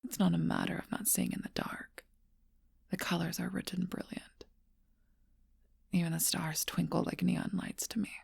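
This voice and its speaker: In an ASMR role-play, a woman voices an ageless, seductive vampire like something from a storybook, murmuring close to the mic in a low, gravelly, breath-heavy whisper. Her tone stays level and a little mellow, slow, teasing and possessive, with a wistful mood. The voice is exaggerated and there's no room sound.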